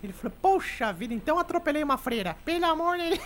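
A woman playing a sharp-tongued old lady, telling jokes and teasing her co-hosts on a radio comedy show. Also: high-pitched, a little hiss or hum. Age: older. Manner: teasing, bossy storytelling. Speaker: comic radio show regular.

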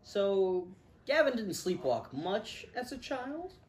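A man's voice: high-pitched, slow. A young man co-hosting a casual comedy podcast, telling childhood stories and giggling as he talks. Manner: animated storyteller, giggles mid-sentence. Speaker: podcast co-host.

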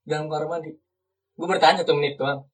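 A young man co-hosting a casual podcast, telling a story with sudden loud outbursts. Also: on the high side, fairly even intonation, quick pace. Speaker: podcast co-host. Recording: distant mic in a room at home.

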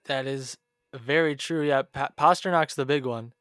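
A man co-hosting a casual sports podcast, talking hockey in an animated way. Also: medium pitch, normal speed, dry recording, studio quality. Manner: animated, mimics fans in a whiny voice. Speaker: podcast co-host.

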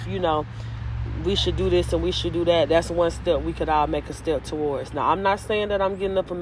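A woman's voice: fairly low pitch, poor audio. Woman vlogger, casual chat, opinionated and profane, filler-heavy, faint background noise. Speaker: vlogger and small business owner.

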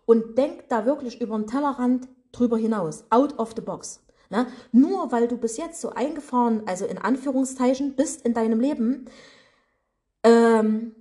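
A woman's voice: a little high, normal speed, mellow. A woman with a regional German dialect, a business and mindset coach giving a motivational podcast monologue from her office. She talks in a colloquial, direct way and speaks straight to her listeners.

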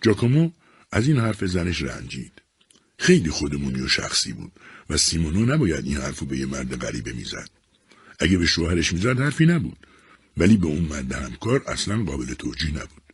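Male audiobook narrator: very deep, husky voice, lively expression, dry recording. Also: no echo. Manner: expressive, acts out each character. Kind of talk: scripted storytelling narration.

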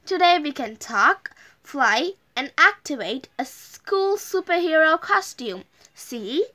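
Eager little boy pet in a kids' storybook, bright and high, voiced by a woman. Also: very animated, slow pace, exaggerated voice. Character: cheerful magical young male pet.

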